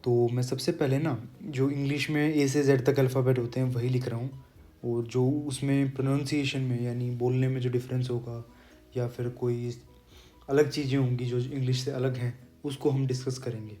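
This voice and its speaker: A man teaching a beginner language lesson in a casual spoken style, patiently explaining and slowly repeating each letter sound. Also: mid-range voice, flat delivery, warm tone, faint music behind.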